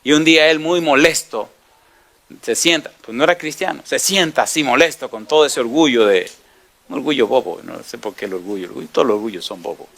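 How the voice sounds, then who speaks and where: A man's voice: medium pitch, a little fast, gravelly. A middle-aged man preaching a sermon as pastor, telling anecdotes, acting out dialogue and firing rhetorical questions at the congregation. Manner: animated storyteller, acts out dialogue, asks rhetorical questions.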